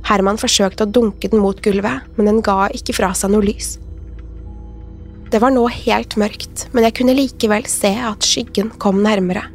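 A woman narrating a scary story in the first person, in a measured, suspenseful scripted telling. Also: mid-range voice, fairly even intonation, faint music behind. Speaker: podcast narrator.

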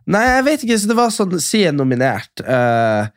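A man co-hosting a podcast, telling a story in an excitable, giggly way with lots of fillers, on a close mic. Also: mid-range voice, dry recording. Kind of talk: casual storytelling chat.

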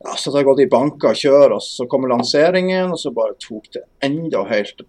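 A man's voice: mid-range voice, lively intonation, a little mellow. A man with a Northern Norwegian accent, chatting casually as an interview guest. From Northern Norway. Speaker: podcast guest, game developer.

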